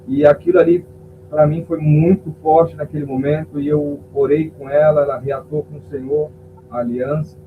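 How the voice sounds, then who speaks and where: In a podcast interview, a male pastor tells an emotional testimony in a fairly high, animated voice at a moderate pace, acting out the voices of others in the story. The recording has a tinny, phone-like quality and a faint hum.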